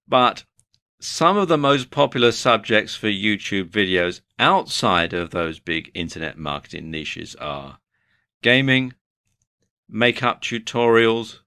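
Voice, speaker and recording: Bright-toned man narrating a tutorial. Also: on the low side, dry recording, studio quality. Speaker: online course narrator.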